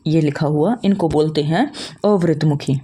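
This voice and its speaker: A woman's voice: low voice, normal speed, dark tone, a little hiss or hum. A young woman teacher giving an online lesson, explaining step by step and posing questions she then answers herself. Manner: addresses students as children.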